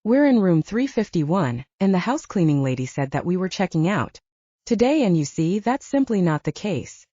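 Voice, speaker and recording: Woman voicing a teasing she-wolf heroine, flirtatious, stubborn, mellow tone, dry close recording. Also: lowish voice, sing-song, normal speed, dry recording, dull audio. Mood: sweetly polite. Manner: teasing, playful.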